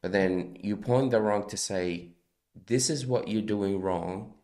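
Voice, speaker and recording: A man's voice: fairly low pitch, mellow. A young man co-hosting a faith podcast, talking earnestly at a desk microphone in a small studio, often restarting his sentences. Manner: earnest, halting, with many restarts. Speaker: podcast co-host. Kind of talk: casual faith discussion. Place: small studio, seated at a table. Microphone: desk microphone on a stand.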